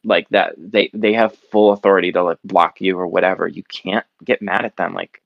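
A man's voice: deep voice, fairly even intonation, normal speed, gravelly, dry recording, dull audio. A man chatting casually on a comedy podcast, rambling and self-mocking with lots of fillers.

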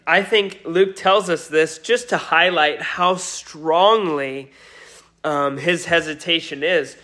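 A man's voice: high-pitched, bright, forceful tone. A pastor giving a Sunday sermon, his voice nasal today, speaking earnestly with frequent restarts. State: nasal from a cold.

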